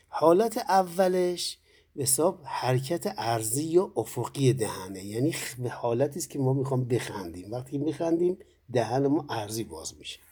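Mellow husky man teaching a lesson. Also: mid-range voice. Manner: explanatory, with pauses and fillers. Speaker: Quran recitation teacher. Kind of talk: recorded lesson to students.

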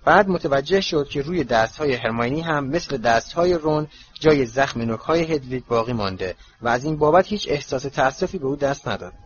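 A man narrating an audiobook in an even, measured reading, in a slightly muffled recording with faint hiss. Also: medium pitch. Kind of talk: scripted narration.

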